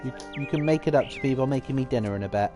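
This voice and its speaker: A man's voice: medium pitch, very fast. A young man chatting casually to viewers on a live game stream, rambling and reading out messages as they come in. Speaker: livestreamer. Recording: music playing in the background.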